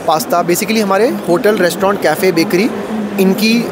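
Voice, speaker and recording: A man's voice: high voice, moderate pace. A man in his thirties representing a food company, explaining products in a trade fair interview into a handheld mic. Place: busy indoor expo stall. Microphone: handheld mic held by interviewer. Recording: noisy expo hall.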